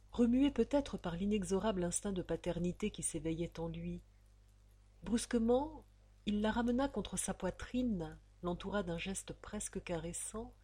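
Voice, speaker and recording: A woman with a husky voice narrating a nineteenth-century melodrama in an expressive, dramatic reading. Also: lowish voice. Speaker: audiobook narrator.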